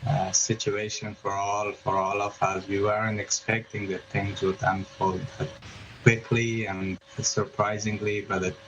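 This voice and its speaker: A man's voice: on the low side, flat delivery, a little slow. A man, a journalist speaking as a guest in a remote news interview, hesitant, with many fillers and restarts. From Afghanistan. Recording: muffled remote line with background noise.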